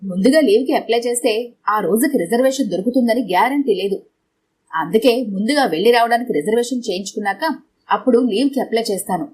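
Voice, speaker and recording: A woman's voice: on the high side, fast, a little mellow, husky. A woman voicing a dutiful young man who plainly explains his plans to his parents. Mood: matter-of-fact. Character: dutiful young husband, a son.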